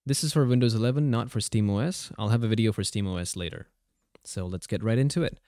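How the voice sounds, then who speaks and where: A man hosts a casual how-to tutorial. His voice sits on the low side and is recorded very dry, close to the microphone. He talks conversationally, feeling his way through the steps with some hesitation. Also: quick pace, dark tone, no room sound. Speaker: tutorial host.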